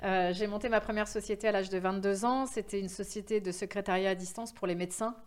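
A woman's voice: mid-range voice, fairly even intonation, quick pace, smooth. A woman in her fifties telling her career story in a casual interview, chatty and full of hesitations. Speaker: guest, event agency founder.

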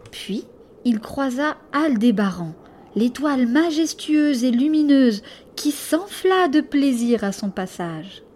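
A woman narrating a bedtime story expressively, with hushed, whispered passages. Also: high-pitched, slight background noise.

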